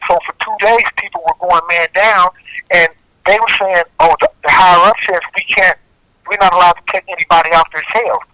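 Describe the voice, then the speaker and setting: A man's voice: sits high, steady tone, fairly quick, bright, forceful tone, no room sound. A man on death row talking over a prison phone call, rambling and circling back with lots of fillers. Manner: rambling, repeats himself, many fillers. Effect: heard over a prison phone call. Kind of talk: recorded phone testimony. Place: prison cell block.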